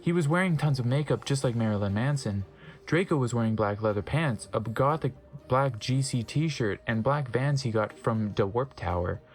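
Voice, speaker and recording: Reading fan fiction aloud as a dramatic comedy piece, a man breaks off for wry, offhand asides. His mid-range voice is animated at normal speed, and he stumbles over misspelled words and remarks on them.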